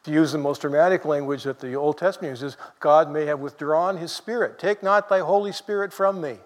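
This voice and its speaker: A man preaching a sermon in a lively, conversational way, full of rhetorical questions to the congregation. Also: on the high side, fairly quick, in a large hall.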